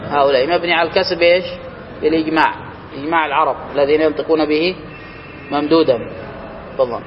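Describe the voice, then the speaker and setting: High-voiced man teaching grammar in a hall. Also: steady tone, muffled recording, a little hiss or hum. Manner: reads quoted lines slowly and higher, then explains and quizzes students. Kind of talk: classroom lesson reading and explaining a text.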